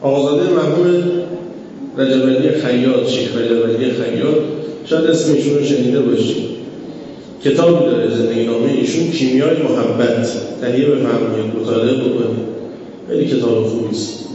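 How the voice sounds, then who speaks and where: A man's voice: mellow, slight background noise. A man preaching a religious sermon with fervor, asking rhetorical questions and telling stories, his voice jumping up for emphasis. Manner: fervent, rhetorical questions, sudden rises in pitch for emphasis. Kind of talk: impassioned religious sermon with storytelling. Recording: echoey, dull hall recording from far off.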